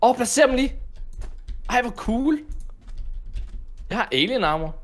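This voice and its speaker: A young man playing Minecraft in role-play with a friend, rambling and hesitant with many fillers, breaking into excited shouts. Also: very high-pitched. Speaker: co-host of a gaming channel.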